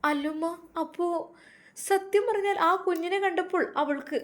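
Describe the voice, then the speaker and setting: Storyteller playing an anxious young woman, high pleading tone. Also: moderate pace.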